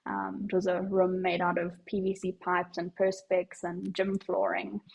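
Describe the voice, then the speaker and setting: A young woman, a powerlifting coach and artist, answering interview questions in a soft-spoken, thoughtful way. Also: lowish voice, monotone, measured pace, vocal fry, low-quality recording.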